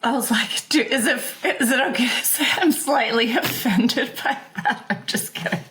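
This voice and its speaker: A woman's voice: fairly high pitch, moderate pace, crowd noise. A woman in her late twenties from Denmark with an American accent, a podcast guest talking playfully and laughing easily. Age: late 20s. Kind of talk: casual interview conversation.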